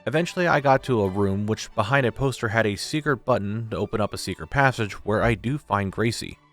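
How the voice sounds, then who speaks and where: A man's voice: lowish voice, a little fast, fairly bright tone, soft background music. A young man giving a casual, joking scripted recap of his video game playthrough. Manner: informal, joking, occasional swearing. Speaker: gaming video creator.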